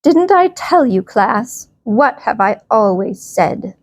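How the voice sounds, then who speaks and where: A woman's voice: a little high, sing-song, takes it slowly, darkish tone, no echo, clean studio sound, heavily acted. A woman voicing a strict, preachy storybook health teacher with a greedy, gleeful streak and an emphatic delivery. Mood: stern, smug. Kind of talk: storybook character voice.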